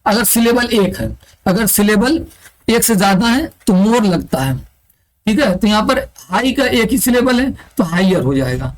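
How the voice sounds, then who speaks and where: A man's voice: high-pitched, animated, rough recording. Male teacher quizzing and answering himself. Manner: asks the class questions and answers them himself, repeating key terms; explains grammar slowly, step by step. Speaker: English teacher. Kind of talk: online exam-prep lesson.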